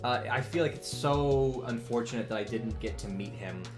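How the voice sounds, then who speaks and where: With faint background music playing, a man in his twenties draws during a live stream and chats casually, rambling with frequent fillers, restarts, and chuckles. He speaks at a medium pitch and moderate pace.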